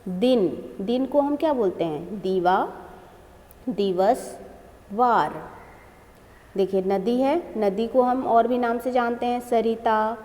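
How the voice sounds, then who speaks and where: A woman's voice: medium pitch, darkish tone, big-room sound. A woman teaching a grammar lesson to children, explaining and repeating each word.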